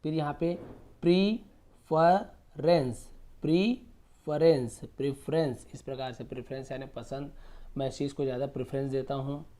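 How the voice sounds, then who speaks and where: A man from India teaching English pronunciation, slowly repeating words and spelling them letter by letter. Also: medium pitch, little pitch movement, mellow.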